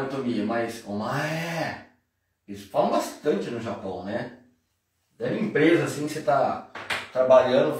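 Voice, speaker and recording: A man giving a casual, slangy, jokey Japanese lesson on a live stream. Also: medium pitch. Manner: chatty, slangy, jokey explanations. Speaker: Japanese teacher. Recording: very echoey room, distant mic.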